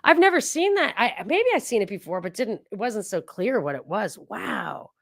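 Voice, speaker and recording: A woman's voice: mid-range voice, big pitch swings, moderate pace, vocal fry, no echo, clean studio sound. A woman hosting a live-streamed interview over a video call, her voice breaking up into glitchy, robotic-sounding bits from a bad connection. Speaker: host.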